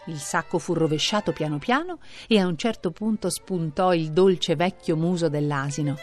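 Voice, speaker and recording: A woman narrating a traditional children's story in an expressive reading voice. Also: deep voice, moderate pace, faint music behind.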